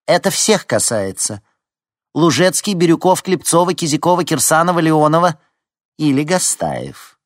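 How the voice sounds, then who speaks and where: A man's voice: mid-range voice, big pitch swings, normal speed, breathy edge, no room sound, studio quality, voice pushed up. A man voicing a stern, imperious woman deputy head teacher who speaks with menacing sarcasm, in a storybook reading. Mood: menacing sarcastic.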